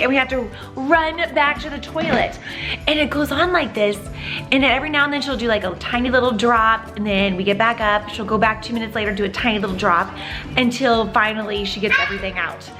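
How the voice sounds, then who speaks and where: A woman's voice: a little high, a little fast, pushed and bright, faint music behind. A young woman and mother talking candidly in a casual home vlog, sometimes praising her toddler in a sing-song voice. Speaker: mother and vlogger.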